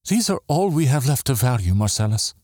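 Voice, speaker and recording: A man's voice: mid-range voice, very animated, a little fast, a little mellow, dry recording, clean studio sound, voice pushed up. A man voicing an urgent, earnest young woman.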